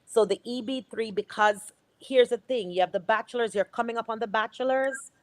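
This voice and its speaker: A woman's voice: fairly high pitch, fairly quick. A woman attorney speaking over a dry remote line with no room echo. She answers callers methodically, asking clarifying questions before giving options. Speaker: immigration attorney guest. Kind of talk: advising callers on a live show.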